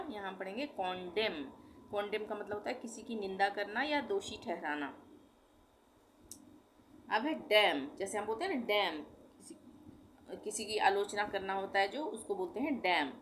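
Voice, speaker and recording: A woman teaching a language lesson in an unhurried, patient way, spelling words letter by letter and going over each one again. Her voice sits in a middle pitch, with a faint hiss of noise behind it. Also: fairly bright tone.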